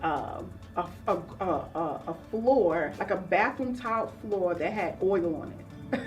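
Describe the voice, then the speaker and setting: A woman's voice: fairly low pitch, measured pace. Woman counselor guest, earnest storyteller, slightly distant mic, faint music bed. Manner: earnest and reflective, acting out remembered voices. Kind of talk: interview storytelling.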